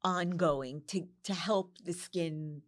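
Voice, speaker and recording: Woman host, community news interview, friendly prompting questions, lowish voice. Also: fairly even intonation, slow pace. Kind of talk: interview hosting.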